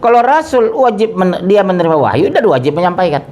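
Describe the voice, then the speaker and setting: A middle-aged man preaching in a lively, conversational way, firing questions at his listeners. His pitch sits a little high and moves a lot. Faint background noise runs under the voice. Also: a little fast. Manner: questions the audience directly, lively and animated. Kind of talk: conversational religious teaching.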